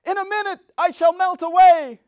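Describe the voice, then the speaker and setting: A cunning old storybook witch, acted out by a man, shrieks in a very high, loud voice. She is cruel and theatrical, drawing out her words in screechy wails. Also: steady tone, no room sound. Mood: wailing, desperate. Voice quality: wailing, screechy. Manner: loud, drawn-out, theatrical cries.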